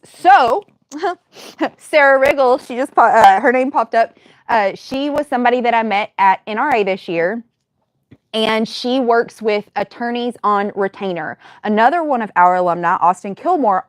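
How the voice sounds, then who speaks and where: A woman in her thirties hosting a casual livestream Q&A, chatty and quick to laugh, with many fillers and restarts. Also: medium pitch, no room sound. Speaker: livestream host and firearms medical instructor.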